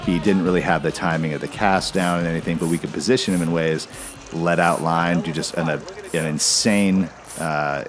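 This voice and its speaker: A man in his thirties talking about fly fishing in a relaxed, musing way, full of fillers, with music behind him. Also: low-pitched. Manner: laid-back, musing, filler-heavy. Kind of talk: relaxed reflective interview.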